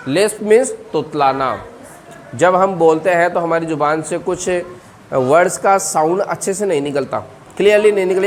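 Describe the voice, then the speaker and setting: High-voiced man teaching English. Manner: drills words, has class repeat; checks with frequent "ठीक है ना". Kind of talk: spoken English lesson.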